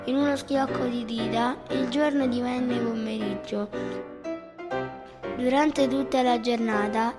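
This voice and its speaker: Female storybook narrator, steady, with a hall echo. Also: on the high side. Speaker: audiobook narrator. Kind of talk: audiobook narration. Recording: reverberant audiobook over music.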